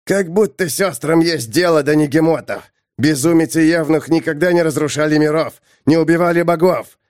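A man's voice: on the high side, normal speed, darkish tone, dry recording, clean studio sound, pitched above the performer's own voice, lightly acted. A man reading an audiobook, voicing a scornful, sneering male necromancer with a mocking tone. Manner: mocking, contemptuous.

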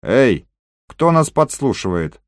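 A man voicing an excitable, talkative Frenchman in an audiobook, speaking with animated emphasis. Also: medium pitch, slow pace, dry recording, studio quality, pitched above the performer's own voice. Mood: wry.

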